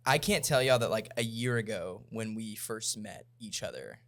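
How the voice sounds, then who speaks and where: A man co-hosting a podcast in casual chat, excitable and rambling with lots of fillers. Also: lowish voice, moderate pace. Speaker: podcast co-host.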